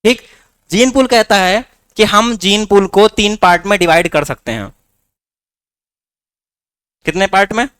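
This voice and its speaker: A man's voice: sits high, fairly bright tone, clean tone, dry recording, studio quality. A man teaching a class with a north Indian Hindi accent, coaxing students with rhetorical questions. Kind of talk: classroom lecture.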